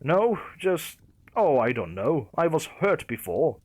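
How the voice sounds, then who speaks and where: A man's voice: on the high side, big pitch swings, slow pace, exaggerated voice. A man voicing a guarded, dryly sarcastic young man in a creepypasta narration. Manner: evasive, dry, sarcastic. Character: guarded young man hiding a dark secret.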